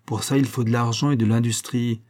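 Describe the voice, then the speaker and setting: A man reading aloud, voicing a gruff, stubborn older father who scolds and refuses curtly in a rough voice. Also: mid-range voice, fairly even intonation, a little fast, a little mellow, lightly acted. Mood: stubborn refusal. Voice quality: rough, growling. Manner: scolding, curt and domineering.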